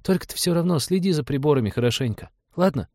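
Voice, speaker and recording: Мужчина, озвучивающий любопытного возбуждённого мальчика в аудиокниге, с нетерпеливыми, ноющими вопросами. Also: male voice, a little high, lively intonation, fast, mellow, no room sound, clean studio sound, pitched above the performer's own voice. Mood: eager. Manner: eager, whiny questions. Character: excitable young boy, curious and chatty. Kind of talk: audiobook character voice.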